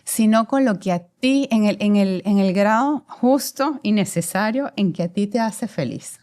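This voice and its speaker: Speaking in a medium-pitched, darkish voice, this Venezuelan-accented woman in her forties is a guest in a conversational interview. She's a commercial director who reflects on her career story, filling her speech with lots of fillers.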